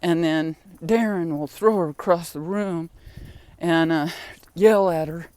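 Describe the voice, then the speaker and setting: Her voice is on the low side, a little mellow, at a measured pace. An older woman vlogger, she walks home outdoors in the wind with groceries, chatting in rambling stories about her family and pets and tossing in laughs and sighs.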